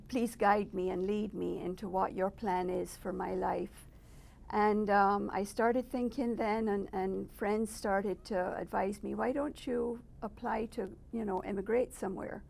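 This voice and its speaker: Measured, gravelly-voiced middle-aged woman. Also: mid-range voice, a little mellow. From Barbados. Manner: thoughtful, measured, with frequent pauses. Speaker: guest. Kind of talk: personal testimony interview. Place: residence.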